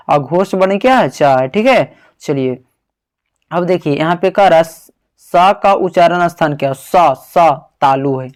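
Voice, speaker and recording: A man's voice: sits high, darkish tone. A man teaching an exam-prep grammar lesson, asking a question and then repeating the answer, calling the student "babu" and sounding out syllables.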